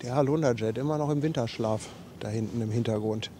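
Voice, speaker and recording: Chatting casually on a livestream from a harbour riverbank, a man with a slightly runny nose from a cold reads viewer messages in a self-deprecating way. He's a fast talker with a medium pitch and dark tone, and the recording has a little hiss or hum.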